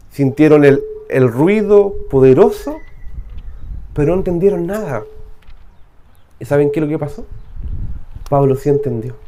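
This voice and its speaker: A man's voice: fairly high pitch, mellow, slight background noise. A man with a Chilean accent, a pastor preaching a conversational sermon full of rhetorical questions to his congregation.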